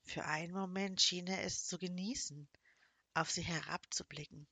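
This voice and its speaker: A woman reading a novel aloud as audiobook narrator, in measured, even storytelling. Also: lowish voice, dry recording. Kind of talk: scripted narration.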